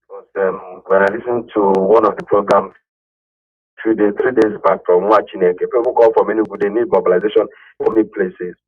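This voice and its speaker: A man calling in to a radio show, speaking haltingly and searching for words. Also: fairly low pitch, fairly even intonation, slightly rough, no room sound. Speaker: caller. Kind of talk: call-in radio speech. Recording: muffled call line with faint music.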